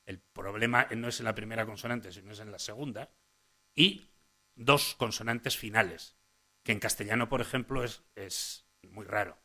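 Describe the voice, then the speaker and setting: A man's voice: on the low side, moderate pace, pushed and bright. Guy from giving a talk to parents, lots of eh and restarts, walks them thru his slides. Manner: hesitant, many restarts and "eh?" tags, pointing the audience to slides. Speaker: speech-language psychologist giving a conference talk. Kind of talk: conference lecture to parents and professionals.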